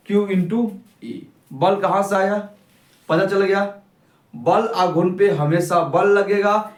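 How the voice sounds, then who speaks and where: A young man teaching a physics class, who keeps asking questions and answering them himself. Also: high-pitched. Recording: echoey room, mic at a distance.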